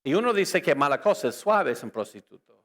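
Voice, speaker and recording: A native English-speaking man gives a lively, joking apologetics lecture to a church audience, firing rhetorical questions at the crowd. This conference speaker's voice sits on the high side, and he talks briskly.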